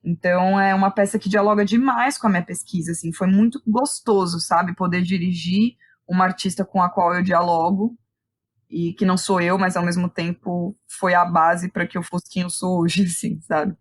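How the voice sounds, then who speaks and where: This woman, a Brazilian-accented playwright and director, talks at normal speed in a lowish voice with fairly even intonation. As an interview guest she reflects conversationally, thinking aloud and checking in with brief tag questions.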